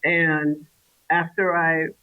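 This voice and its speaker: A woman's voice: low voice, level tone, extremely slow. A woman from Trinidad, a guest on an interview podcast, talking through her answers thoughtfully with many fillers and restarts. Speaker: guest, independent scholar. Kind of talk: casual interview conversation. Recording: tinny phone-like remote call line.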